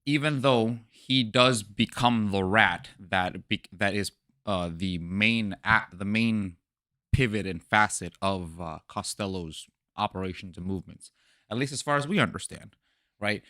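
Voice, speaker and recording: Bright-voiced man rambling on a podcast. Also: fairly low pitch, a little slow. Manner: rambling, hesitant, searching for words. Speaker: podcast guest. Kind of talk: casual podcast discussion.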